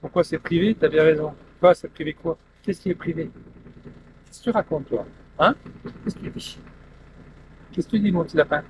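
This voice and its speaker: A man's voice: a little high, brisk, noisy background. A man chatting loosely to his live stream viewers on a headset, rambling and laughing often.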